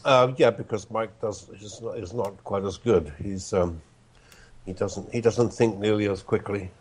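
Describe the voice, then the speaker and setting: A man talking as a guest on a podcast, halting and hesitant with many restarts. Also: fairly low pitch, breathy edge. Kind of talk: casual chat.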